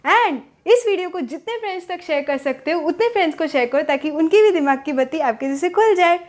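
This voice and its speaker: A woman with a very high voice delivers a cheerful channel outro. She coaxes viewers along in an upbeat, friendly way. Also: expressive, brisk. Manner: cheerful, coaxing viewers to like and subscribe.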